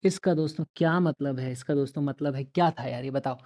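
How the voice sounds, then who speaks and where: A young man teaches math online in a warm, mid-range voice at a brisk pace, chatty and encouraging, mixing Hindi and English freely and treating his students like friends.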